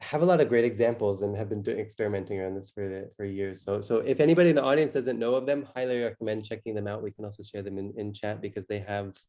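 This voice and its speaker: A man moderating an online panel over a video call, talking in quick restarts and handing the floor on. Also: fairly low pitch, mellow.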